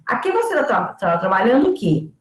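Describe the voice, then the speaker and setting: A high-voiced woman lecturer with a lively, swooping delivery teaches an online lesson. She speaks slowly and sounds words out syllable by syllable. The room is echoey. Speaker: pedagogy lecturer.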